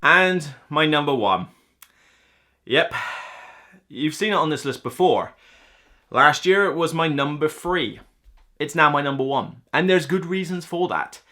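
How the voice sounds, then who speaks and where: In a room full of game shelves, a thirtysomething board game reviewer speaks on the high side with lively intonation and a bright, forceful tone. He's unhurried, pausing often, rambling with casual enthusiasm and emphasis.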